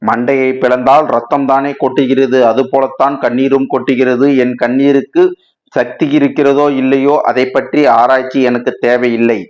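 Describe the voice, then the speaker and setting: Man reading as an anguished impassioned writer, lamenting, storybook, mid-pitched, dull lo-fi sound. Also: little pitch movement, normal speed, darkish tone, lightly acted. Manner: lamenting, dramatic and wordy. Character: anguished male writer, grief-stricken and impassioned.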